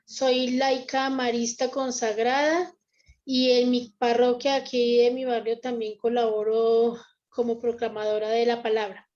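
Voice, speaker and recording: A woman's voice: fairly high pitch, little pitch movement, unhurried, a little mellow, highs cut off. A woman introducing herself politely and formally, then asking a question during a class. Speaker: lay participant asking a question. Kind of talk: question from the audience.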